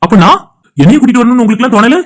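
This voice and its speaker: A man plays a devoted young man in an animated family drama, pleading with his father-in-law. The voice sits very high and races along. His delivery stays earnest and heartfelt. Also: racing. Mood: teasing. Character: young man, anxious, devoted loyal friend. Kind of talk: cartoon voice acting.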